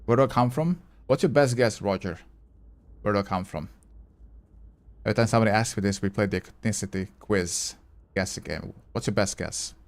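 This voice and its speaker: A man with a fairly low voice streams a game live and talks fairly quickly. He thinks aloud while playing, answers his viewers' chat casually, and swears now and then.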